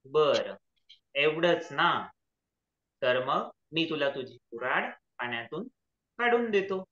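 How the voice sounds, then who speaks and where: A man voicing a kind, generous god in a children's story, speaking gently and reassuringly. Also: on the high side, big pitch swings, takes it slowly, exaggerated voice. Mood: kindly. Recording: echoey, slightly dull recording.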